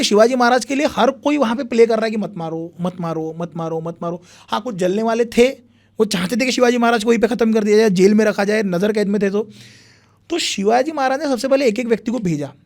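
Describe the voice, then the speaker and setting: A young man, a history speaker, telling a long story in animated conversation and acting out what people said. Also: very high-pitched, fast. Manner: animated retelling with repeated phrases, acts out quotes.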